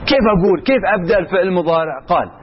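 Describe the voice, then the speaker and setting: A male grammar teacher with a high voice walks his class through the rules, asking questions and answering them himself and slipping between everyday speech and formal Arabic. He reads the text slowly before explaining it in plain words. The recording is a little dull, with faint noise behind him. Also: big pitch swings. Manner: mixes colloquial Arabic with formal Arabic. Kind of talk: classroom lesson.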